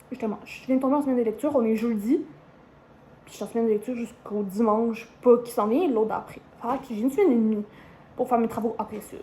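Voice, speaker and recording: A university student in her 20s with a Quebec French accent vlogs casually to her camera, rambling and filling pauses with frequent "euh" and "genre." Her voice is a bit high but mellow and soft-edged, and a faint hiss runs under the recording.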